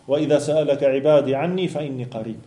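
In an echoey room, a man with a warm, medium-pitched voice teaches an Islamic study session. He recites Arabic, translates and explains it, and asks his audience questions as their religious teacher.

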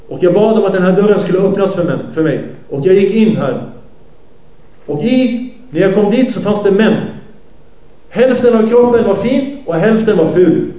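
A man's voice: high voice, dark tone, roomy sound, low-quality recording. Man som berättar en predikan med hög röst. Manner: translating and retelling as he goes, self-correcting. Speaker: preacher. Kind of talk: sermon retelling a hadith.

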